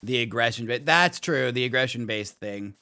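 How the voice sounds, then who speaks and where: A man live-streaming a game, chatting casually, reading out chat, thanking viewers for follows and subs, and breaking into excited laughter. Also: mid-range voice, normal speed, gravelly, clear, resonant tone, no echo, studio quality.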